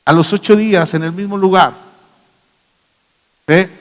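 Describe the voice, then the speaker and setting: A man's voice: high voice, measured pace. A Mexican male pastor preaching a sermon, telling stories emphatically and mimicking the people he quotes, in a church hall. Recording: long church hall reverb.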